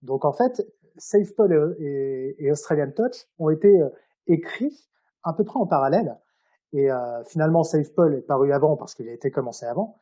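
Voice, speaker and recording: A man's voice: on the high side, expressive, moderate pace, dark tone. A man speaking informally and hesitantly as an author being interviewed. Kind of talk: casual interview, telling anecdotes about his own writing.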